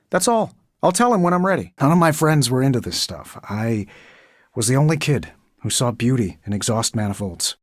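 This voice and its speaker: A wisecracking male armored inventor hero from a video game. His voice sits a little high and swings freely in pitch as he delivers glib, self-assured quips. The sound is close and dry. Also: fairly bright tone, no echo.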